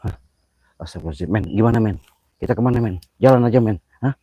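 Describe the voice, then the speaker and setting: A man live-streaming a night ghost hunt outdoors on a hillside, who yells challenges at spirits and mutters prayers in between. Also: fairly low pitch, fast, breathy edge, dry recording, dull audio. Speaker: paranormal vlogger.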